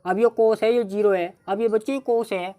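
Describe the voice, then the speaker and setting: North Indian woman teaching maths slowly. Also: medium pitch, fairly even intonation, mellow. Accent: Hindi-speaking North Indian. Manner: keeps addressing the class as "children", repeats steps slowly. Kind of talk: whiteboard maths lesson.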